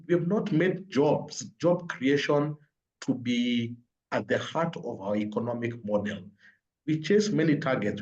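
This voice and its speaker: A Kenyan-accented man speaks as a panelist at a virtual forum, building his analysis step by step through numbered lists and repetition. His voice is on the high side and slightly mellow, heard over a dull, lo-fi online call with roomy indoor echo.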